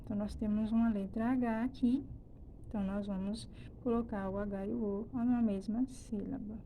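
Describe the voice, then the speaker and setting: A woman's voice: mid-range voice, fairly even intonation, mellow, a little hiss or hum. A woman from Brazil teaching a language lesson, explaining step by step with many restarts and checks for understanding. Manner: explains slowly, with frequent "né?" and "então" restarts. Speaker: Spanish teacher. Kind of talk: recorded classroom lesson.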